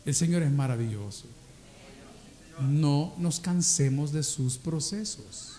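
A man with a Salvadoran Spanish accent, a pastor preaching a sermon with lively, humorous storytelling that acts out little dialogues. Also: on the high side, slow pace.

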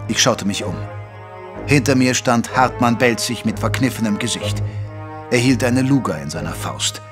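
An actor playing a sober Victorian doctor who narrates a detective adventure in a German audio drama. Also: male voice, mid-range voice, moderate pace, close to an everyday voice. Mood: suspenseful. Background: music.

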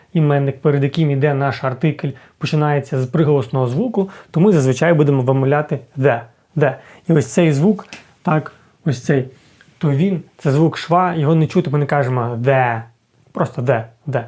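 A man teaching an English lesson, patiently explaining and repeating sounds slowly to demonstrate them. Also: medium pitch, a little mellow.

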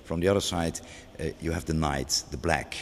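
The recording captures long reverb and faint background noise in a large gallery, where a middle-aged museum curator speaks in an unscripted interview. His very deep voice stays steady at a moderate pace, though he hesitates often with fillers and restarts.

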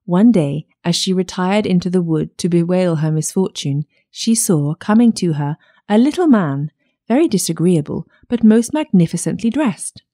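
A woman narrating a fairytale audiobook in a measured storytelling manner. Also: fairly low pitch, animated, mellow.

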